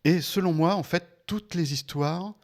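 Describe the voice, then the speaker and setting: A man talking through his reading of a film's story, halting often with fillers and restarts. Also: high-pitched, darkish tone. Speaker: film discussion guest. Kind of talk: casual spoken film analysis.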